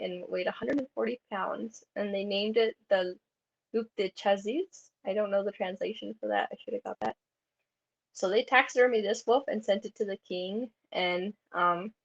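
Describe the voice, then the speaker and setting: A woman presents at a convention panel in a loose, chatty way, her speech full of "like" fillers and restarts. Her mid-pitched voice has a gravelly vocal fry. The recording sounds dull and lo-fi. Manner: chatty, heavy use of "like" fillers. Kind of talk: casual presentation.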